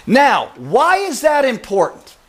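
A male Bible teacher with a high, very animated voice, stressing single words as he reads verses aloud. He talks at an unhurried, deliberate pace and keeps firing questions at his listeners. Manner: emphatic, quizzes listeners, repeats key words. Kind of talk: expository sermon.

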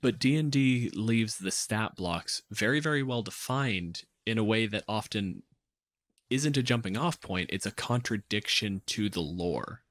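A man with a lowish, slightly bright voice chats casually as a podcast panelist about tabletop game monsters, sounding animated yet a little slow. He comes across as analytical and opinionated, and the studio-quality recording has no echo.

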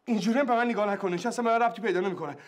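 A man's voice: sits high, a crowd in the background, natural voice. An actor playing a nervous, stammering man who insists none of this is his business. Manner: stammering, defensive. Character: nervous man, fearing arrest as an accomplice.

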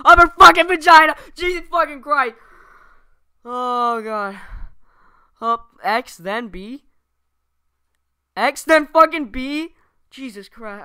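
A man's voice: sits high, sharp tone, clear, resonant tone, no echo, clean studio sound. A man playing a scared horror game streamer, overdramatic and foul-mouthed, with fake panic in a parody Let's Play. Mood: frantic. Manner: exaggerated screaming, heavy swearing, fake panic.

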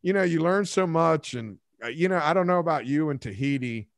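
Here a podcast host in his forties speaks briskly in a higher, expressive voice with some vocal fry, and the recording is dry. Working from a home studio room with a studio mic and headphones, he chats casually in interview style, spinning self-deprecating anecdotes that wander and restart.

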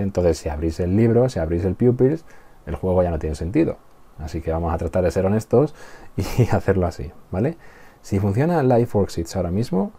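Male teacher from Spain, Spain Spanish accent, low dark husky voice, patient explainer. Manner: patient, repeats and checks understanding. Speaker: English teacher. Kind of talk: recorded online class.

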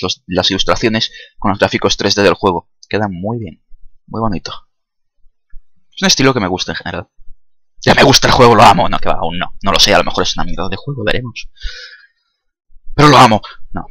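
A young man with a Spanish accent commentating his own game playthrough, joking and breaking into loud excited whoops. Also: low-pitched, brisk, no room sound. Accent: Spain. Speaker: gaming video creator. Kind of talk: let's play commentary. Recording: game music playing loudly. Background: game music and sound effects.

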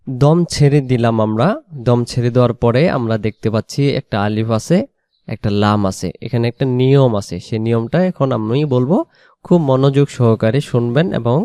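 A man teaching Quran reading, patiently spelling out and slowly drawing out Arabic syllables and repeating them. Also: mid-range voice, warm tone, no echo, clean studio sound. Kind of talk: spelled-out recitation lesson.

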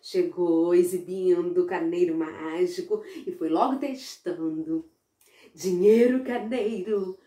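A woman narrating a children's story in an animated, sing-song, playful way. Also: on the low side, measured pace. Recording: roomy echo.

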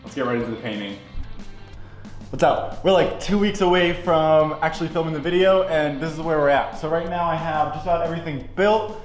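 A man's voice: fairly high pitch, a little fast. Young man, casual vlog host, self-deprecating, echoey room, faint music. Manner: upbeat, chatty, self-deprecating. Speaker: video creator and host. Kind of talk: casual behind-the-scenes vlog. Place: basement set, indoors. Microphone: handheld camera at arm's length and seated interview.

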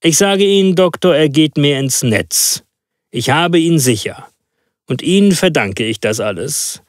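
A man voicing an impatient, eccentric male detective with quick, commanding speech. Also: a little high, lively intonation, no echo, studio quality, voice pushed up. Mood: exuberant.

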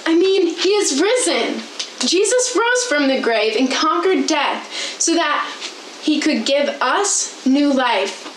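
A chipper talk show host with a high voice, speaking in a bright presenter's manner and growing earnest when she explains, played by a young woman. She is recorded through a camera mic on a small indoor set, with room echo and a faint hiss behind. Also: lively intonation, takes it slowly, full character voice. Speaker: host in a skit. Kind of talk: church skit acting.

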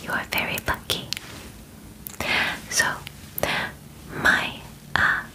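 This ASMR roleplay features a twenty-something woman as a courteous, matter-of-fact alien examiner, whispering in a soft, breathy way. She speaks formally and gently, in measured, halting phrases broken by brief pauses, from inside a small bedroom.

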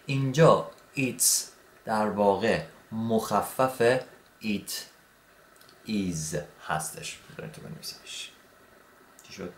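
Guy teaching grammar at a board, kinda low voice, lots of okays, roomy echo. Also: long pauses, a little hiss or hum. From Iran. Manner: relaxed, repeats words, says "okay" often. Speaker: English teacher. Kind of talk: explaining grammar at a whiteboard.

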